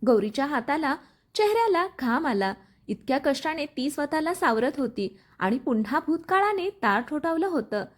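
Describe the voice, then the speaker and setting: A woman's voice: sits high, very animated, normal speed. A woman narrating a dramatic story and reading the characters' lines with feeling.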